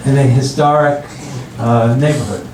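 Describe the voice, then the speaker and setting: An older man performing stand-up comedy in front of an audience, telling stories with halting restarts and repeated phrases. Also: mid-range voice. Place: room with an audience, recorded from a distance. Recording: roomy, distant mic, very noisy.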